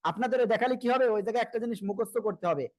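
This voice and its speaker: A man's voice: extremely high pitch, racing, a little mellow, dry recording. A man with a Bangladeshi Bengali accent teaching a live online Quran reading class, patiently repeating letters and asking students to say them back.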